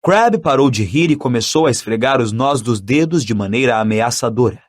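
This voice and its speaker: A man narrating an audiobook in an expressive, dramatic reading style. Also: mid-range voice, normal speed.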